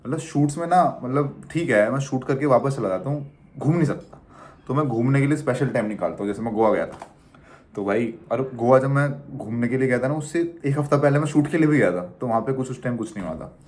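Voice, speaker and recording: A man's voice: mid-range voice, fairly quick, a little hiss or hum. A young man in his twenties, a travel vlogger from India, talking casually and animatedly to the camera. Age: 20s. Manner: animated, chatty, teasing the viewer as "bhai".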